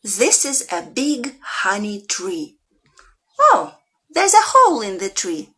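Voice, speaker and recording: A woman with a Russian accent, an English teacher for young children, reading a picture book aloud with big leaps up in pitch and slow, drawn-out questions. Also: breathy edge. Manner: animated storyteller with big swoops up in pitch.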